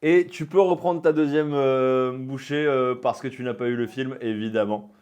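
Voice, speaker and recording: Chatty man hosting, medium pitch. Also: steady tone, normal speed, a little mellow, smooth. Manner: informal, chatty. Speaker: host of a food-challenge interview show. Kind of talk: casual chat interview.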